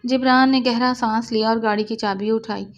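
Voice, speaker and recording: A woman narrating a romance novel in a steady, dramatic storytelling manner. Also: a little high, dull audio.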